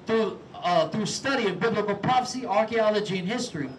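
A man preaching on the street to passersby, talking outdoors, repeating "all right?" and "man" and rising to shouted exhortation. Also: high-pitched, fairly quick, a little hiss or hum, low-quality recording.

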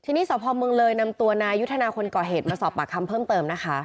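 A woman field reporter telling a news story in a chatty, animated way. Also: medium pitch, quick pace.

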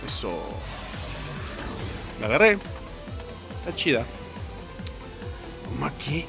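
A young Mexican man commentates his gameplay in a casual, excitable way, swearing and yelping as the action goes on. His slightly high voice swings widely in pitch, and game music plays clearly behind him. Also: takes it slowly. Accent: Mexican Spanish. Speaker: gameplay streamer.

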